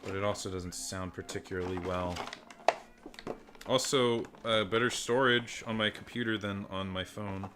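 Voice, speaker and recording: In a casual, rambling unboxing chat, a toy reviewer with a deep voice pokes fun at himself and swears offhand. He is picked up by a desk microphone and a phone mic.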